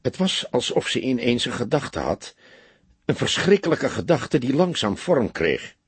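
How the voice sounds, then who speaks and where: A man reads a crime novel aloud in a husky, breathy voice. His pitch moves freely and expressively through the lines, and the recording is close and dry, with no room sound. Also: big pitch swings, a little slow, dry recording. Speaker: audiobook narrator. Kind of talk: scripted audiobook narration.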